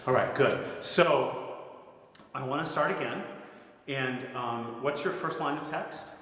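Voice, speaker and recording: A man's voice: medium pitch, takes it slowly, fairly bright tone. A middle-aged man leading a voice masterclass, talking conversationally and often checking in with his students. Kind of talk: masterclass teaching. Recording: echoey hall with long reverb, faint noise.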